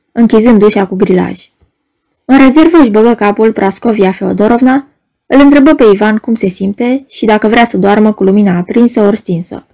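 In a scripted audiobook narration, a woman with a mid-range voice tells the story at a measured, even pace.

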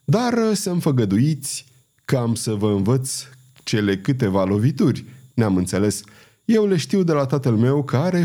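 A man voicing a cool, wry, confident male knight in an audiobook reading, speaking calmly and frankly. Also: mid-range voice, lightly acted.

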